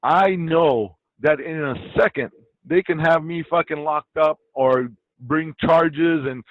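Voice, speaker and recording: A man's voice: a little high, slow, no echo. A man from Iraq, an interview guest, talking bluntly and swearing freely. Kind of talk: casual interview talk. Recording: dull lo-fi dry sound.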